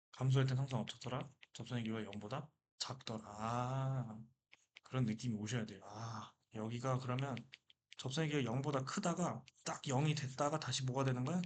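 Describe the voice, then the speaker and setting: A man's voice: mid-range voice, a little hiss or hum. A man teaching a math lecture who keeps asking questions and answering them himself. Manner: lively, asks and answers his own questions.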